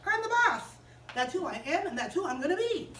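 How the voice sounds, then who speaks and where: This is a bossy, spoiled preschool girl, put on by a woman storyteller. She is defiant and boastful in a high voice. The voice sits far from the mic in an echoey room. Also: big pitch swings, fairly quick, a bit bright, heavily acted.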